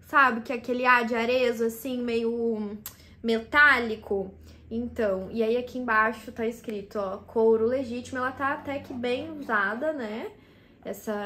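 A young woman talks fast and fondly through her haul, filling gaps with little asides. Her voice sits a touch high. The recording has a roomy, echoey sound from the room at home. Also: a bit bright. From Brazil. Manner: chatty and enthusiastic, full of fillers. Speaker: vlogger showing thrift finds. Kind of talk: casual haul vlog. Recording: roomy echo in a small room.

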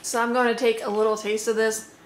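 A woman chatting upbeat and thinking aloud as she unboxes and tastes snacks, her voice slightly hoarse. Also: on the high side, level tone, brisk. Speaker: unboxing vlogger. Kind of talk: casual product tasting review. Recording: roomy echo, faint background noise.

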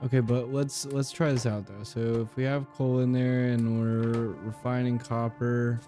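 Young male host, casual gameplay talk, unhurried and musing, faint music bed. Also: medium pitch, level tone, warm tone. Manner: thinks aloud, hesitant fillers, repeats himself. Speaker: game channel host.

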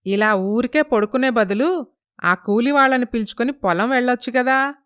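A woman's voice: on the high side, moderate pace, smooth, natural voice. A woman playing a harsh, scolding mother-in-law. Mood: nagging. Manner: scolding, sharp-tongued. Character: domineering middle-aged mother-in-law, harsh.

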